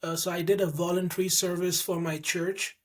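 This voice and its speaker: A man's voice: high voice, flat delivery, a little fast. A man in his thirties from India, a podcast guest who speaks hesitantly, often restarting his sentences. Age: 30s. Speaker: guest, mobile technician. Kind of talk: casual podcast interview.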